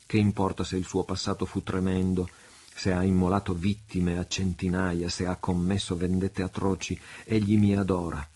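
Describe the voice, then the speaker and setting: Man voicing a young noblewoman, fervent, anxious, husky low voice lifted a touch, audiobook. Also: level tone, moderate pace, a little mellow. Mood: passionate vow. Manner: fervent, rising intensity. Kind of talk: audiobook reading.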